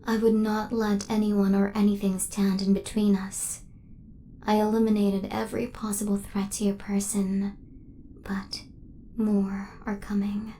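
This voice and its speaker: Speaking softly in ASMR, she voices a loyal, guarding robot huntress using exact, formal, mechanical wording. Her mid-range voice stays close to everyday speech, with slight background noise.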